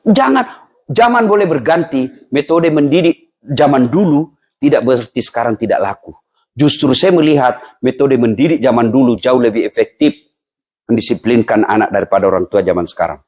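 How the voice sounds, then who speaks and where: A man preaching a humorous, animated sermon in a mosque, acting out quoted voices. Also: mid-range voice, moderate pace, breathy edge. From Indonesia. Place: mosque hall.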